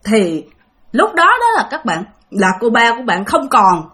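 A woman's voice: a little high, sing-song, a little slow, fairly bright tone. A woman with a Southern Vietnamese accent narrating a spooky story in a chatty way, often talking straight to her listeners. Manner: chatty, addressing listeners directly. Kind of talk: spoken ghost-story narration.

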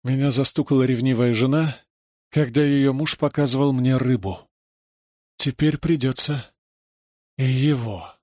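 A man reading aloud and voicing a cold, calculating female spy, in low, muttered thoughts. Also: unhurried, long pauses, dry recording, studio quality, close to an everyday voice.

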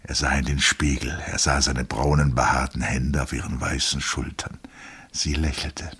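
Very deep, husky male narrator. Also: flat delivery, fairly bright tone. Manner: measured literary narration. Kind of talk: radio reading of a novel.

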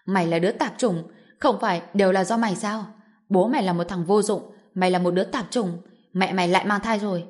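A woman's voice: mid-range voice, fast, a little mellow, close to an everyday voice. A woman voicing a cruel, arrogant middle-aged grandmother who scolds and sneers shrilly in a storybook. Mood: vicious.

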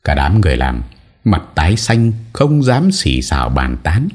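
A man's voice: low-pitched, big pitch swings, normal speed. A man narrating an audio story in a dramatic storytelling manner.

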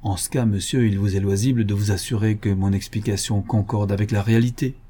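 A man reading a suave, self-assured gentleman sleuth. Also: fairly low pitch, brisk, husky. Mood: calm. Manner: calm, self-assured, slightly dogmatic. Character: suave calm Italian gentleman detective, man. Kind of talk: audiobook character reading.

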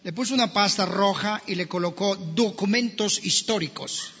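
A man's voice: sits high, normal speed, fairly bright tone, a little hiss or hum. A male pastor preaching a sermon in a church, emphatically addressing his congregation. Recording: long church reverb, dull lo-fi sound.

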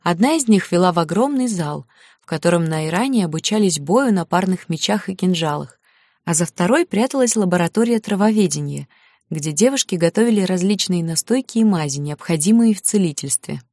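A woman with a fairly low voice reads a fantasy novel aloud, giving the girls' lines a light touch. The sound is close and dry, with no room around it. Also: animated, a little fast, darkish tone, dry recording. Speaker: audiobook narrator. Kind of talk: scripted narration.

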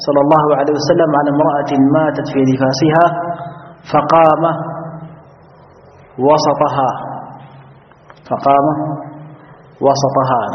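A male sheikh giving a religious lesson on hadith, explaining slowly, repeating key phrases and putting questions to his students. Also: fairly high pitch. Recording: echoey hall, dull lo-fi sound.

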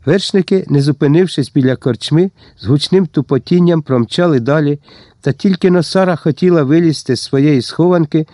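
A man narrating a story as an audiobook reader, steady and tense. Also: a little high, no echo, studio quality. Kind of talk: scripted narration.

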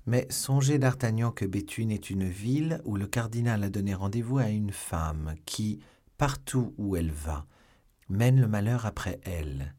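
A man voicing a calm, brooding older musketeer in an audiobook, speaking quietly and gravely. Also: on the low side, unhurried.

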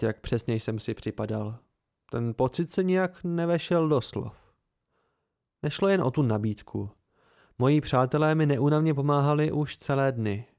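A man reading an amateur audiobook in a calm, even storytelling manner. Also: medium pitch, gravelly, clear, resonant tone, no room sound, studio quality. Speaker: audiobook reader.

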